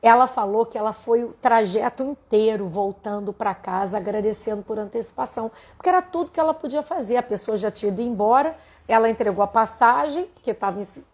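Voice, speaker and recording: A Brazilian woman with a somewhat high voice tells a story in earnest. She speaks with a Brazilian Portuguese accent and talks directly to her listeners, as a spiritual teacher would. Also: brisk, darkish tone. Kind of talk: storytelling to an audience.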